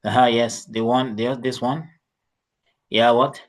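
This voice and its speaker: A man's voice: mid-range voice, steady tone, a little slow. A man teaching an online Arabic class, patiently repeating phrases and coaching a student's pronunciation.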